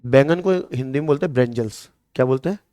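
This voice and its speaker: Lively teacher drilling memory tricks. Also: male voice, mid-range voice, fast talker, no echo. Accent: Marwari-tinged Hindi. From Rajasthan, India. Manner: lively, repeats questions to students and answers them. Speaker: exam coaching teacher. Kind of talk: classroom lecture with memory tricks.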